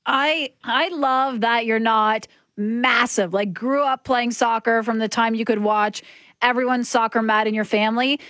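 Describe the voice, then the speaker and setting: Casting: morning radio host, upbeat and emphatic woman, bright higher voice, dry studio sound. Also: fairly even intonation, no room sound. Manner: upbeat, emphatic, quick to repeat words. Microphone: studio microphone.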